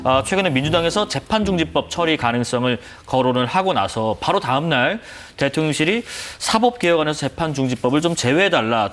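A man hosting a news talk show, setting up a topic in smooth presenter delivery. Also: on the high side. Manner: smooth presenter reading, prompts guest. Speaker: host.

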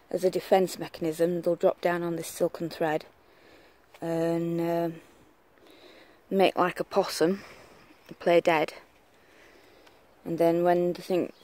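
Outdoors in a home vegetable garden, a garden vlogger talks casually in a mid-range, darkish voice. The delivery is unhurried and hesitant, full of ums, recorded on a handheld camera while filming the plants.

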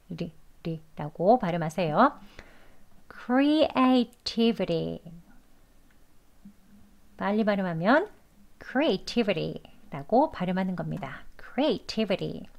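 A woman teaching English pronunciation, who speaks patiently and encouragingly and drills words syllable by syllable. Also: mid-range voice. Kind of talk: slow, careful pronunciation lesson.

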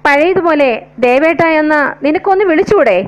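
A woman's voice: high-pitched, normal speed, close to an everyday voice, poor audio. A woman voicing a lovesick, remorseful aging man who pleads tenderly. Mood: pleading.

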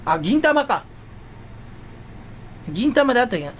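Solo YouTuber man, self-mocking rambler, very lively pitch, faint hiss behind. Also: unhurried. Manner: rambling and self-mocking, jumping between topics. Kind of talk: casual solo chat.

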